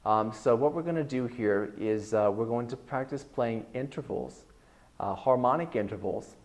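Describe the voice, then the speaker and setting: An online video shows a man with a bass-baritone voice giving a guitar lesson. He explains loosely and casually, rambling with lots of fillers.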